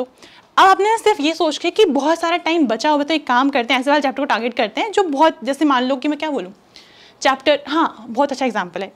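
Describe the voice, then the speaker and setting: A young woman teaching exam strategy to chemistry students in a chatty, direct and reassuring way, mixing in English words. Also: high voice. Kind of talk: casual Hindi-English teaching talk.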